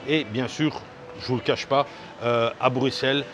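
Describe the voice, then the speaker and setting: A man's voice: medium pitch, steady tone, moderate pace. A man talking casually as a travel vlogger, chatty and direct, rambling with lots of fillers and restarts. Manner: chatty and direct, addressing viewers. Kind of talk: casual walking vlog talk. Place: outdoors on a busy seaside street. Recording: street and traffic noise behind.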